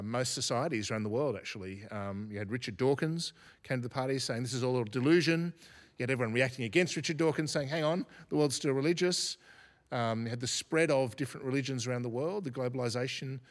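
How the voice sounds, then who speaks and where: A man speaking as a guest academic in an interview, reflective and unhurried, often restarting his sentences. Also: mid-range voice. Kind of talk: thoughtful podcast interview.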